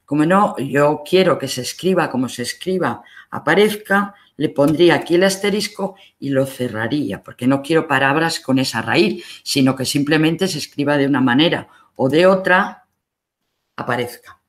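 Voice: mid-range voice, lively intonation, normal speed. A university library instructor with a Spain accent, giving a recorded online lesson and patiently explaining each step of a screen demonstration.

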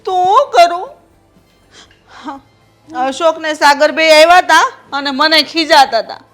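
An actress playing a mother-in-law who scolds and tries to calm her two quarrelling daughters-in-law. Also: high-pitched, slow, soft background music. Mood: exasperated. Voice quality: scolding, exasperated. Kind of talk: village family drama acting.

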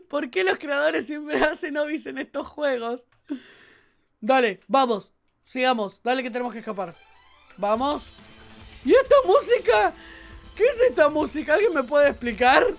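Woman, Argentine accent, let's play commentary, sore throat, high lively voice, gravelly edge, faint game music behind. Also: a little slow, pauses often. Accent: Argentine Spanish. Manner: excitable, shrieks and laughs a lot. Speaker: gaming YouTuber.

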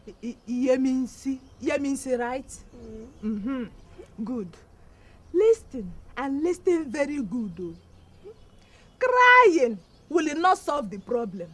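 A woman's voice: sits high, very animated, slow, a bit bright, exaggerated voice. An actress playing a bossy, defiant village woman with a Nigerian accent, speaking emphatically in a film. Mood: firm, encouraging. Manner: emphatic, declarative.

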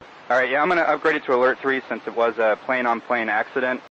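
A man's voice: mid-range voice, fast, bright, forceful tone. A man, an airport operations officer, reporting to ground control over aviation radio. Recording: dull, faintly noisy radio transmission.

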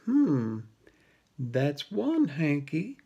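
A man's voice: fairly high pitch, huge pitch swings, extremely slow, creaky, dark tone, slightly rough, highs cut off, exaggerated voice. A man voicing a sly male barn cat in a whiny, taunting voice while reading a storybook aloud.

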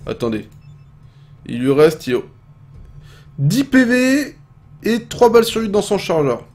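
Excitable French gamer, lively swings. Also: male voice, high voice, slow pace. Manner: excitable, swears often, shouts and laughs at the game. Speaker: gaming video host. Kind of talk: casual gameplay commentary.

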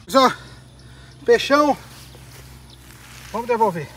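A man with a Brazilian accent doing excited live fishing commentary outdoors at a pond, talking straight to his viewers and repeating his catchphrases. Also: very high-pitched, slow, husky. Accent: Brazilian Portuguese. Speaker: fishing vlogger.

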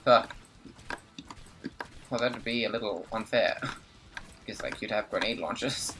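A man's voice: on the low side, slow, background noise. Laid-back man chatting over gameplay. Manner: laid-back, explains strategy. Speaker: gaming channel host. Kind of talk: casual gameplay chat.

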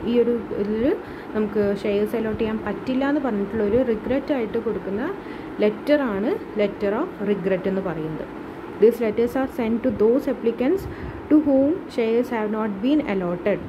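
Woman lecturing, muffled and noisy. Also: mid-range voice. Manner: explains in a mix of two languages, many "aa" fillers, reads English lines slowly. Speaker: commerce teacher. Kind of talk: lecture over slides.

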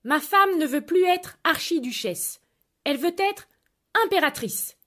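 A poor, meek old fisherman from a children's storybook, as a woman puts him on. He speaks gently and obediently, and the voice sits higher and louder than her narration. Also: expressive, measured pace, exaggerated voice.

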